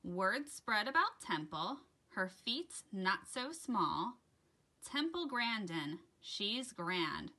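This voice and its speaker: A children's story time host reads a rhyming picture book aloud, her pitch swooping and lively while her pace stays unhurried. The delivery is dramatic and deliberate, pitched at young listeners, and her tone has a bright, clear-cut edge.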